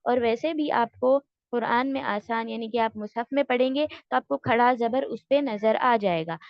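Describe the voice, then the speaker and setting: A woman's voice: on the high side, normal speed, dry recording, highs cut off. A woman teaching an online class, explaining each rule patiently and step by step, with English words mixed in. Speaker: Tajweed teacher.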